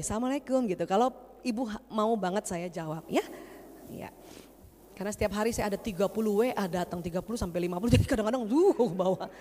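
A woman's voice: mid-range voice, a little mellow, in a large hall. A woman doctor giving a humorous seminar to a women's religious group, playfully teasing and quizzing her audience.

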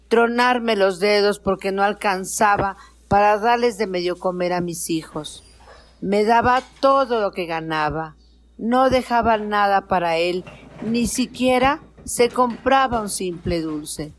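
A woman voicing a steady, reproachful mother in a radio drama. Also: mid-range voice, close to an everyday voice. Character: middle-aged mother, hardworking and reproachful.

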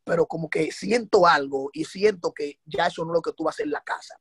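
Male preacher, husky high voice, rapid dramatic delivery, dry close sound. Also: no echo. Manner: fast, dramatic storytelling with acted dialogue. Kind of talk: sermon.

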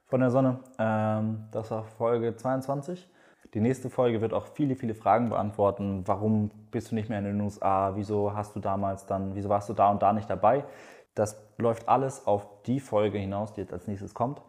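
A young man co-hosting a podcast, chatting in a relaxed way and wrapping up the episode. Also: fairly low pitch, moderate pace. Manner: relaxed, chiming in with short agreements. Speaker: podcast co-host. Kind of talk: casual chat.

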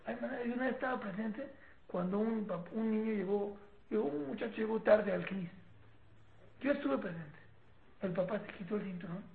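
A woman with a Mexican accent and a gravelly, medium-pitched voice teaches a parenting class at a moderate pace, informally chatting with students. She's animated, acting out parents and children and often repeating words. The sound is echoey and tinny, like a phone.

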